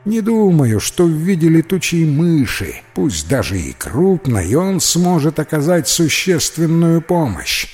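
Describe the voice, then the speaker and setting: A man's voice: fairly high pitch, big pitch swings, measured pace, few pauses, darkish tone, breathy edge, soft background music, voice pushed up, full character voice. A man voicing an ironic, philosophical ghost who talks in a mocking, lecturing way.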